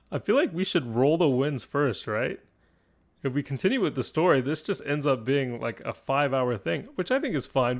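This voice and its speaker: Man dramatically narrating a fantasy battle. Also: medium pitch. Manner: dramatic suspense-building narration with casual asides. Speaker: livestream host. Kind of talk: improvised fantasy storytelling.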